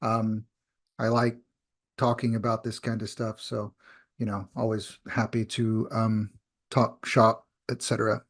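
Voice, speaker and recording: A man's voice: on the low side, level tone, measured pace. A man presenting a workshop over a video call, talking loosely with many fillers and restarts.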